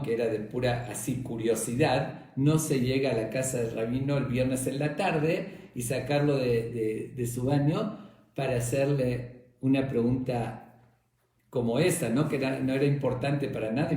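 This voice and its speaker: Guy telling a teaching story, mellow dark voice, big echo. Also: medium pitch, moderate pace, distant mic. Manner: warm, conversational storytelling. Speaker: religious teacher. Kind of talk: storytelling lesson. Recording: very echoey room.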